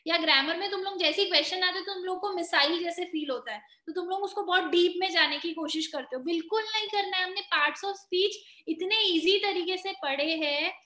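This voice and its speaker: A woman's voice: very high voice, brisk, hardly any pauses, bright, forceful tone, roomy sound. A woman with an Indian accent teaching grammar in an online exam-prep lesson, explaining step by step and quizzing her students. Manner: explains in mixed Hindi and English, quizzing students.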